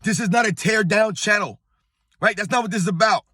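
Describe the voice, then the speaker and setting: A middle-aged sports channel host, on vacation at a beach, delivers a casual talking-head rant about sports, emphatically repeating his points and calling viewers "guys." His hoarse, worn-out voice sits high and sounds tense and bright, at a brisk pace. The audio is close and dry, with no room sound.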